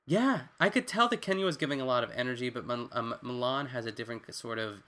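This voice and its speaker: Chatty guy with a bright tense voice, casual recap talk, does little quote voices. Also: mid-range voice, fast talker. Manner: chatty, expressive, acts out quotes, swears casually. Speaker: podcast co-host.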